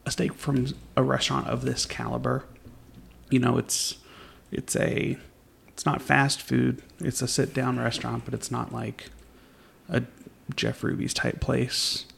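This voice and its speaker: A man's voice: mid-range voice, level tone, unhurried, gravelly, fairly bright tone, slightly rough. A young man co-hosting a home podcast, chatting in an easygoing, rambling way with plenty of restarts. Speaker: podcast co-host. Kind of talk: casual chat. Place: home at night.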